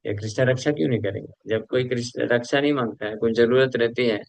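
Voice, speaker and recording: A man's voice: mid-range voice, quick pace, vocal fry, dry recording, low-quality recording. A man giving a conversational scripture class as a preacher, asking his listeners questions and mixing Hindi with English.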